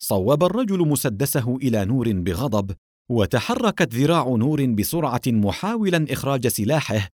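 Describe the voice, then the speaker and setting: A male narrator reading an audiobook novel with expressive, dramatic storytelling. His pitch rises and falls vividly. The recording is dry and close, with no room sound. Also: moderate pace, no echo.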